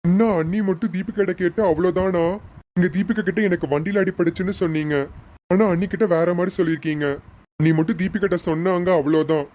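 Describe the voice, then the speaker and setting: A man's voice: high voice, steady tone, fast talker, highs cut off, voice pushed up, lightly acted. Man doing a wounded young husband, suspicious, pleading, melodramatic home serial. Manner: emotional, repeats names. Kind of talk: hobby serial acting.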